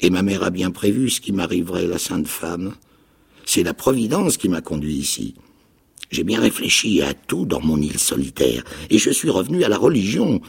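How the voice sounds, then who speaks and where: An actor playing a ragged, half-mad old marooned pirate with a raspy, creaking voice, pleading and eager in a dramatic radio reading of a novel. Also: male voice, moderate pace, exaggerated voice. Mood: eager rambling. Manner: high, pleading, eager voice with excited leaps.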